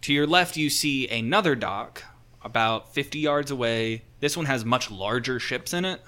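A man's voice: mid-range voice, animated, normal speed, pushed and bright. A man narrating a tabletop game as game master, setting scenes in a loose, casual way with fillers.

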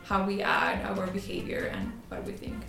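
A woman's voice: mid-range voice, steady tone, normal speed, vocal fry, fairly bright tone. A young woman from Ecuador, a student on a panel, speaking hesitantly with many fillers and restarts. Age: young adult. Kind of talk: casual roundtable discussion. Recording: roomy echo, faint music.

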